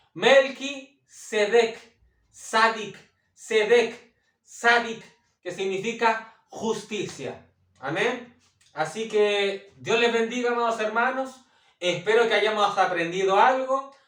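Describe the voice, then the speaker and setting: A man's voice: sits high, a bit bright. Male preacher, Bible teaching, repeats himself for emphasis, roomy echo, a little far from the mic. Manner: repeats phrases for emphasis, asks the listeners questions; many hesitation sounds. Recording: echoey room, voice set back from the mic.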